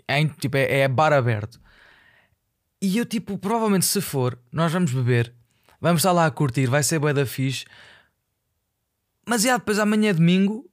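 A young man with a European Portuguese accent, chatting casually on a solo podcast in a rambling, slangy, confessional way with bits of English mixed in. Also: on the high side. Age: young adult. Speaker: podcast host and musician.

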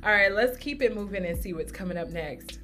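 A woman's voice: mid-range voice, expressive, a little fast, pushed and bright. A woman vocal coach talks through a singing lesson in an upbeat, encouraging way. She explains each run and then sings a short example of it. Faint music plays underneath her voice. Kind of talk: singing lesson with sung demonstrations. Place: home studio podcast.

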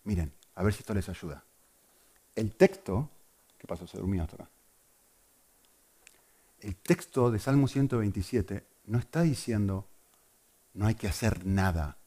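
A man from Argentina with an Argentine Spanish accent, preaching a sermon in an animated way and asking his listeners questions. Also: fairly low pitch, moderate pace, pauses often, breathy edge. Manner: animated, asks the audience questions.

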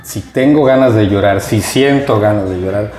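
Man, co-host, calm, agreeable, roomy echo. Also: on the low side, moderate pace. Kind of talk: casual chat. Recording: echoey room.

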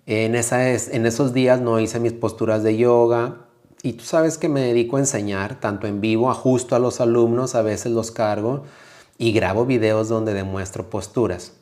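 A man with a Mexican Spanish accent, a yoga teacher hosting a motivational podcast, speaking calmly and reflectively straight to the listener. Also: mid-range voice, normal speed.

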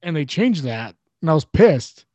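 A man's voice: fairly high pitch, big pitch swings, moderate pace, darkish tone, no room sound. A young man in casual chat about video games, rambling loosely and swearing often.

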